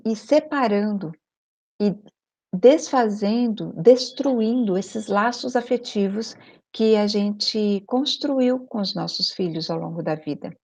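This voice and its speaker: A woman's voice: mid-range voice, takes it slowly, a little mellow. A middle-aged woman coaching parents, speaking emphatically, repeating her key points and checking that the listener follows. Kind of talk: advice video monologue. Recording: dull lo-fi recording.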